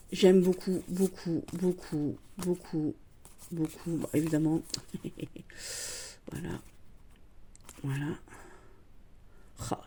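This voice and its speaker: A middle-aged woman chatting casually as she shows off her collection, warm and mellow in tone. She gushes freely and keeps dropping small fillers between her words, never in a hurry and never formal. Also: fairly low pitch. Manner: gushing, chatty, full of "voilà" and "hein". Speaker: card-deck collector vlogger. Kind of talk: casual show-and-tell chat.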